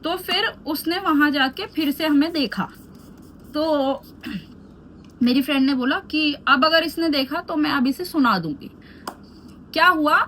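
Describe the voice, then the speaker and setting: A young woman in her twenties, a beauty vlogger, telling an animated storytime story. She mixes Hindi and English as she talks. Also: sits high, slight background noise. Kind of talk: storytime vlog while doing skincare.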